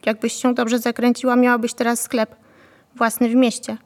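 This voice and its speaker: A woman voicing a sharp-tongued aunt who scolds and needles. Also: a little high, monotone, normal speed, close to an everyday voice. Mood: scolding.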